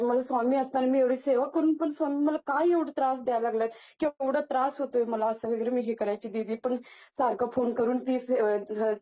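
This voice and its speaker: A young adult woman, a guest, tells a personal devotional experience in casual speech, halting often with false starts and restarts. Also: on the high side. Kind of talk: casual spoken testimony. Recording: tinny phone-line sound.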